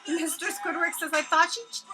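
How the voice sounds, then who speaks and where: The audio is poor and music runs in the background as a young woman, Hebrew her first language, livestreams herself painting at home. Her extremely high voice stays level and brisk while she chats casually, reads out comments, swears freely and laughs often.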